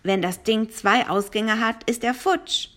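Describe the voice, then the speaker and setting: A clever, earnest boy who likes to take charge, as a woman reading a storybook puts him on. His talk is a little prim and pitched above her own voice. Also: lively intonation, measured pace, a bit bright. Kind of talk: reading a children's novel aloud.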